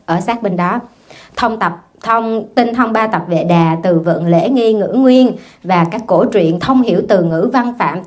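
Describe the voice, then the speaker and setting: Lively Buddhist nun giving a dharma talk. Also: female voice, medium pitch. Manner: lively storytelling, asks the audience questions.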